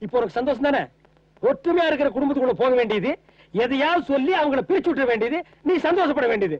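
A man's voice: extremely high pitch, animated, fast, no echo. An actor playing a sarcastic village man who scolds and mocks the people around him, on a dull old film soundtrack. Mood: mocking. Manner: mocking, scolding rants. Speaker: comic lead in a village comedy film.

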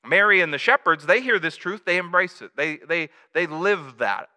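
A man pastor preaching a conversational sermon, swinging from loud emphatic build-ups to soft low confessions, with repeats and stumbles. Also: lively intonation, moderate pace. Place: church livestream.

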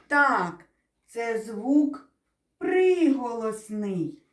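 Woman, kindergarten teacher, very slow, high lively voice, echoey room, distant mic. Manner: drawn-out, sing-song explaining, asking the children questions. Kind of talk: slow, clear teaching to young children.

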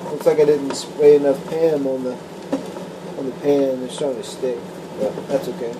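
A man's voice: medium pitch, moderate pace, noisy background. Young man casually talking through cooking. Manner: relaxed, matter-of-fact, uses fillers. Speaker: vlogger. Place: home kitchen indoors, then a car. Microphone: handheld camera close, at times set down.

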